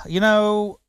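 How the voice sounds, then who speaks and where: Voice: mid-range voice, smooth, no room sound. Brief: British-accented podcast co-host, wry, giggly, dry close sound. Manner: laughs often, hesitant restarts, wry. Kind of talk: casual chat.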